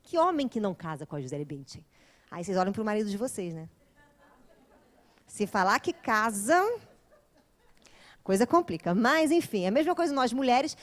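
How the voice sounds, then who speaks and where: A woman lecturing a course, retelling a myth in a playful, jokey way and chatting with her audience. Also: a little high. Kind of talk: humorous storytelling lecture.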